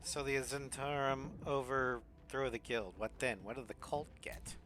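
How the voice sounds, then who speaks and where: A man's voice: mid-range voice, fairly even intonation, a little slow, fairly bright tone, faint music behind. A man giving casual, amused let's play commentary and reading game dialogue choices aloud. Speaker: gamer playing and reacting to a role-playing game.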